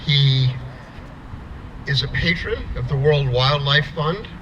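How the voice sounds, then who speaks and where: A man's voice: medium pitch, slow, fairly bright tone, dull audio, slight background noise. A middle-aged man from the United States telling a plainspoken story at an outdoor rally, restarting words as he goes. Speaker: rally speaker.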